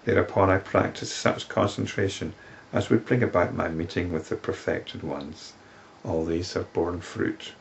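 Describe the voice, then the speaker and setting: A man's voice: deep voice, steady tone, unhurried, vocal fry, a little hiss or hum. A man reading out the words of an imploring woman seeker from a sacred text, in earnest recitation. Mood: pleading.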